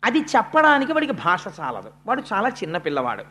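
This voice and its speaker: A religious discourse speaker telling a sacred story, moving between slow, emphatic lines and quick narration, and chanting verse. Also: medium pitch, huge pitch swings, bright, forceful tone.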